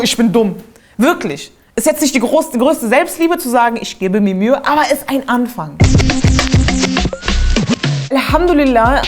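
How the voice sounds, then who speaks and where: A woman host riffs through a comedic monologue with a fairly high voice. She is animated and slangy, and her talk is full of asides. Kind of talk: comedic straight-to-camera monologue.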